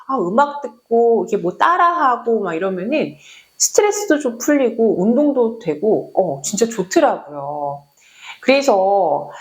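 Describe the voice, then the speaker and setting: A woman in her forties, a doctor, giving health advice to camera in a chatty, friendly explaining way with fillers. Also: medium pitch. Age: 40s.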